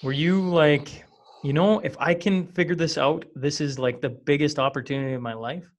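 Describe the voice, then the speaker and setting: Brief: male interview host from Western Canada, slightly high voice, relaxed rambling questions. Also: moderate pace. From small-town Western Canada. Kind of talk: casual interview.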